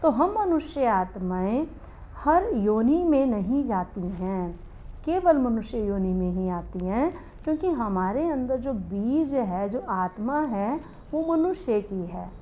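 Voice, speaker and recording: A woman's voice: fairly high pitch, animated, takes it slowly, phone-quality sound, a little hiss or hum. A woman giving a spiritual meditation lesson, explaining patiently and asking rhetorical questions to her listeners. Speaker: meditation teacher.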